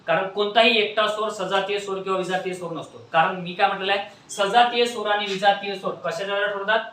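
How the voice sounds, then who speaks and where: Fast and forceful, a high, bright, steady voice belongs to a Maharashtrian man running a call-and-response grammar lecture, firing question after question for his class to answer. The echoey classroom is recorded from a distance with slight background noise.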